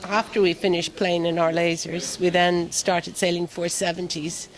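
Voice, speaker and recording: A middle-aged woman telling stories in a warm, rambling way during a casual interview. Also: fairly low pitch, little pitch movement, moderate pace, low-quality recording. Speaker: volunteer at the event.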